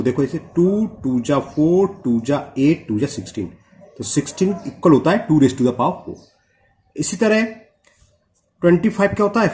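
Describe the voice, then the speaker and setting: Higher-voiced man teaching step-by-step maths. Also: a little mellow. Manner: explains step by step with many quick questions to the viewer; slows right down to read out formulas. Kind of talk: whiteboard maths lesson.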